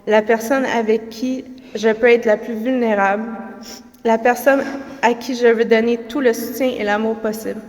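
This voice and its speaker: A woman with a fairly high voice and a Quebec French accent delivers heartfelt wedding vows. The recording carries the long reverb of a hall. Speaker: bride. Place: wedding ceremony.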